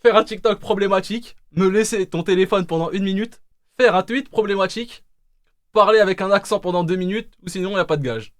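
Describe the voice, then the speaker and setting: Young guy hosting a live stream, teasing, high voice. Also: brisk, no room sound, clean studio sound. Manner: laughs a lot, teasing. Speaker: host.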